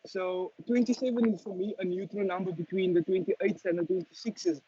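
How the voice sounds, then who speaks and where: A young man in his early twenties with a Cape Town South African accent answers interview questions as a professional footballer, casual and earnest. His voice sits high, steady and a little fast, with a dark, husky tone. The recording is dry, dull and lo-fi.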